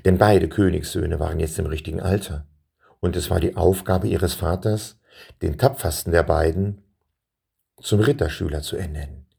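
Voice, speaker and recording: Deep, gravelly male storyteller. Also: moderate pace. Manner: calm, addresses young listeners directly. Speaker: storyteller for children. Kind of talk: children's story reading.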